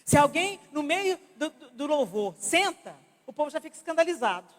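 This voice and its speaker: Animated Brazilian woman pastor preaching. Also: high voice, normal speed. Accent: Brazilian Portuguese. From Brazil (Belo Horizonte). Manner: animated, conversational preaching with acted examples. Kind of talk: conference sermon. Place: large church conference hall. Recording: reverberant church hall.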